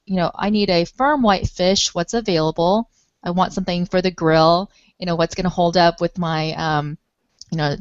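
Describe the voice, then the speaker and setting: Earnest woman with a low voice, lo-fi sound. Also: dry recording. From Taiwan. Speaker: nonprofit spokesperson. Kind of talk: panel discussion.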